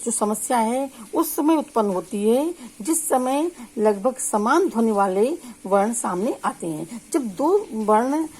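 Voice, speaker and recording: Woman teacher, somewhat high voice, lecture style, slow drawn-out example syllables, frequent check-ins. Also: lively intonation, darkish tone, low-quality recording. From India. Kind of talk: spoken lecture on phonetics.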